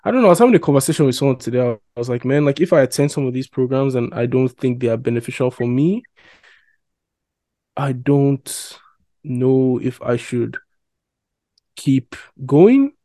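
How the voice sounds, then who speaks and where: Mellow-voiced young man, reflective. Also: medium pitch, expressive, normal speed, dry recording. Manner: reflective, hesitant, thinks aloud with many fillers. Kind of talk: casual chat.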